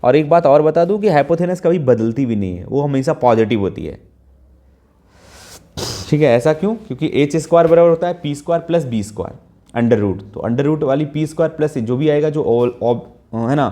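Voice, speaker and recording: A man's voice: a little high, moderate pace, mellow. A man teaching trigonometry in Hindi, explaining step by step and often checking in with the students, mixing in English math terms. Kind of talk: Hindi math lesson with whiteboard.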